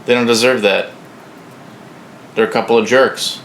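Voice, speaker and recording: A man's voice: mid-range voice, steady tone, moderate pace, fairly bright tone, reverberant, a little hiss or hum. A man co-hosting a comedy podcast, blunt and wry, often sounding exasperated in casual banter. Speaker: podcast co-host.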